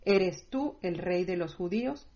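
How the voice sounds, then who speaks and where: A woman's voice: fairly low pitch, expressive, dark tone. A wary Roman governor, read by a woman. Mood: questioning. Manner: read plainly in the narrator's own measured voice. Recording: dull lo-fi audio.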